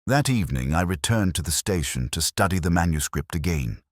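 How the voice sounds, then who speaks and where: A man playing a brooding, erudite middle-aged police inspector, narrating his case in a measured, literary, melancholy way. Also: sits low, lively intonation, no room sound, studio quality. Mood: brooding, reflective. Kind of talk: scripted first-person detective narration.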